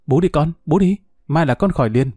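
A man's voice: fairly high pitch, lively intonation, brisk, darkish tone, breathy edge, no room sound, clean studio sound. A man voicing a desperate young mother who pleads and wails. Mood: coaxing. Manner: pleading, wailing.

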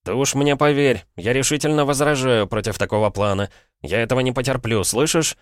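A man's voice: medium pitch, a little fast, no echo, studio quality, voice pushed up, close to an everyday voice. A man voicing a pompous, agitated father stuck in a boy's body, in an audiobook. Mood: furious. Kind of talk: audiobook character reading.

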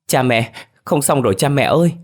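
A man's voice: deep voice, fairly quick, close to an everyday voice. A man voicing a panicked, tearful young village daughter in a storybook reading.

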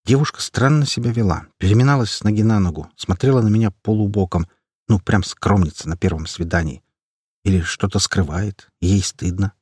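Low husky male audiobook narrator. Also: fairly quick, a little mellow, dry recording, studio quality. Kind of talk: first-person audiobook narration.

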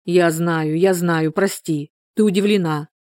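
A flustered young husband, put on by a woman reading a storybook, talking in hurried shouts. The voice stays low and mellow, recorded close and dry. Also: steady tone, dry recording, lightly acted.

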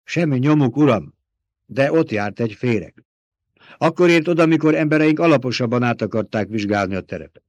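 A nervous underling reports to his master with halting deference, as a male narrator voices him. The delivery is hesitant and humble, and the recording is dry and close. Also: mid-range voice, animated, dry recording, dull audio, close to an everyday voice. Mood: deferential.

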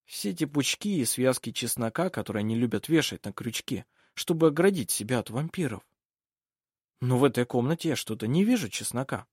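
A hesitant, worried young traveler in an audiobook, voiced by the narrator. The delivery is lively in pitch and recorded dry. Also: male voice, brisk, husky, no room sound. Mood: uneasy. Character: uneasy young male traveler, a nephew.

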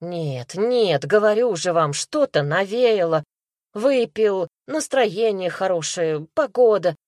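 Woman doing a scared young man, pleading, broken, slow, dry close recording. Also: medium pitch, lively intonation, a little mellow, dry recording. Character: frightened, sobbing young man under suspicion. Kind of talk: audiobook character voice.

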